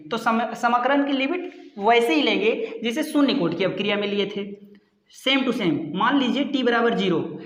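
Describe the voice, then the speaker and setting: A man's voice: very high voice, a bit bright. Man teaching in an echoey room. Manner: step-by-step, asks and answers his own questions. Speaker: chemistry teacher. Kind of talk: blackboard lesson. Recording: echoey, dull room sound.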